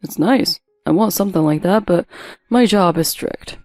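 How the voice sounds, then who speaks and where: A woman voicing a charming but manipulative young man in a narrated story, speaking in a calm, smooth-talking way. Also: lowish voice, moderate pace, no room sound, faint music behind, lightly acted. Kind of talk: story narration with voiced quotes.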